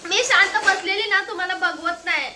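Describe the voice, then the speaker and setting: A woman's voice: very high-pitched, a little fast, bright, forceful tone, slight background noise. A woman with a stuffy nose from a cold, scolding her husband in an irritated, complaining way during a casual couple vlog. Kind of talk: casual argument on camera. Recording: echoey room, away from the mic.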